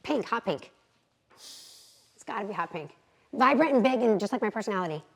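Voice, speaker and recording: A realtor in her thirties, telling animated, candid stories as a podcast guest. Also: medium pitch, fairly quick, gravelly, rough recording. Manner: animated, candid, acts out quotes. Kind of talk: lively storytelling in an interview.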